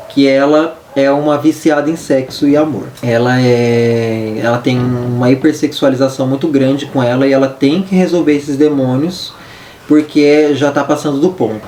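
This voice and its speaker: A Brazilian man with a dark, mid-range voice chats casually through a book review, his braces giving him a lisp and hissy s sounds. The mic sits at a distance, leaving a roomy echo and faint noise.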